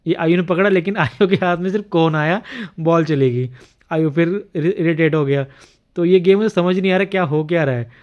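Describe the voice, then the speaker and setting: A man's voice: fairly high pitch, fairly quick, lo-fi sound. A man narrating a home video in casual voice-over, chuckling often as he comments. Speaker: vlogger narrating a family video.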